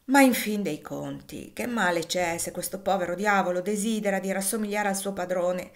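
A woman voicing a languid, ironic gentleman. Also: medium pitch, normal speed, lightly acted. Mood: wry. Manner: drawling, playful, teasing.

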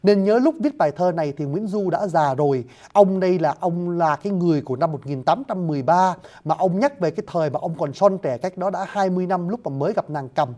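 Man lecturing slowly, with a dark mellow voice. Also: high voice. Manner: addresses listeners as "thưa quý vị", explains word by word; hesitant fillers, slow deliberate explaining. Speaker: lecturer on classical poetry. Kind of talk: spoken literature lecture.

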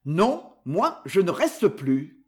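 A male reader voicing a firm young husband who speaks curtly and resolutely, lower than his narration. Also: very animated, a little slow. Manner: firm, curt.

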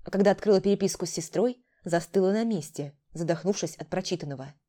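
A woman reading a dramatic story aloud in measured audiobook narration. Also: lowish voice, dark tone.

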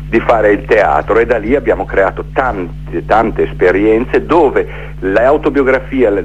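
A middle-aged theatre maker tells his story conversationally in a radio interview, reflective and building up lists with repeated phrases. His voice is fairly low and a little slow, and the sound is lo-fi with slight background noise.

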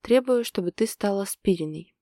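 A woman's voice: medium pitch, lively intonation, moderate pace, mellow, dry recording, studio quality, natural voice. A woman reading the lines of a jealous, possessive young man in love, in a grumbling, brooding way, as part of an audiobook. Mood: insistent.

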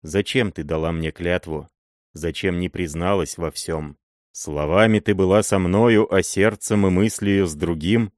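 Обманутый пожилой муж-боярин в исполнении мужчины, сдержанный и ледяной. Голос низкий, запись сухая, без эха, как у чтеца аудиокниги. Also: male voice, low voice, fairly even intonation, no room sound, studio quality. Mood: горький укор. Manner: bitter, cold, measured reproach. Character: stern old boyar, jealous betrayed husband.

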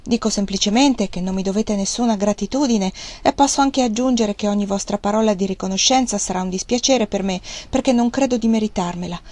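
A woman's voice: brisk, hardly any pauses, darkish tone, no room sound, natural voice. A woman reading aloud, voicing a proud young Victorian woman who answers with indignant dignity. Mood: cool. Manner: raised pitch, tearful indignation.

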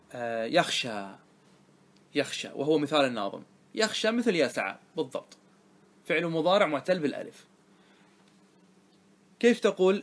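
A man with a voice on the high side, a religious scholar, teaches a class a grammar lesson. He often quizzes his students and repeats the key points.

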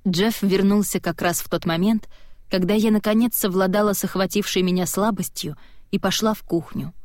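A woman narrating a first-person audiobook at a mid-range pitch. She tells the story in an expressive, steady way. The sound is dry and close to the mic. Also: fairly quick, dry recording.

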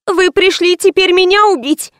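A woman's voice: very high-pitched, moderate pace, no room sound, studio quality, pitched above the performer's own voice. A woman narrator voicing a frightened, naive young woman who squeals and pleads in a thin, panicky voice. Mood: terrified. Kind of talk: audiobook character voice.

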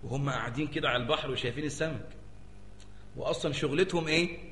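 A man's voice: a little high, very fast, slight background noise. A man with an Egyptian Arabic accent, a sheikh giving a religious lecture and keeping his audience engaged with rhetorical questions. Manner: animated, keeps asking the audience rhetorical questions. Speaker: sheikh teaching jurisprudence. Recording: echoey hall with long reverb.

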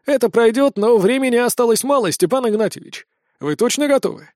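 A man's voice: very high voice, expressive, a little fast, darkish tone, no room sound, studio quality, pitched above the performer's own voice. A man playing a confident, cunning conspirator who speaks in an assured, persuasive way.

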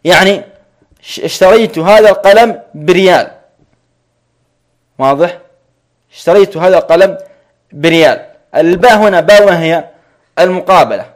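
Higher-voiced man teaching grammar. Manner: repeats each point slowly, checks "clear?", chuckles with students. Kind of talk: online grammar lesson.

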